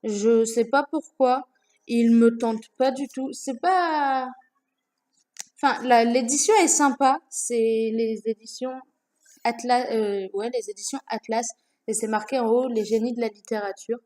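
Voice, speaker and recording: A woman's voice: on the high side, fairly even intonation, a little slow, a little mellow. A young woman talking casually to camera about her books, with many fillers and self-corrections, recorded at home. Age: young adult. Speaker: book vlogger. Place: room at home.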